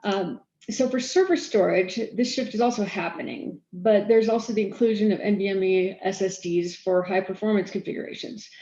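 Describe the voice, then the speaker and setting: A woman giving a conference keynote on technology, talking quickly with frequent fillers and restarts. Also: medium pitch, mellow, roomy sound, highs cut off. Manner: fast-talking, self-aware about speed. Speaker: keynote speaker, storage architect.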